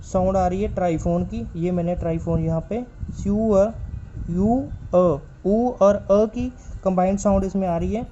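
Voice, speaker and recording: In this dull lo-fi recording with a little hiss or hum, a man with a high, dark voice teaches stenography at a measured pace. He explains patiently, repeats key points, and spells out letters as he writes, giving a step-by-step lesson.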